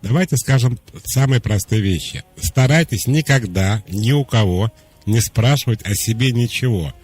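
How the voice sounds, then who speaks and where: A man hosting a radio call-in show as a psychologist, calmly explaining and giving direct advice. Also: mid-range voice, moderate pace, slightly rough, soft background music.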